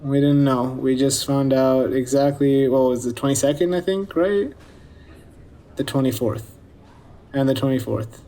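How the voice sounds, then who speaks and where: A man's voice: mid-range voice, unhurried, mellow. Hesitant man giving evasive answers. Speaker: interviewee.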